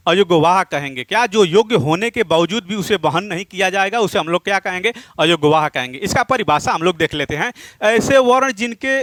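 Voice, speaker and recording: A man's voice: a bit bright, dry recording. A male teacher giving a grammar lesson. He asks his own questions, answers them and repeats the key points. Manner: drops low and slows down on answers, counts aloud.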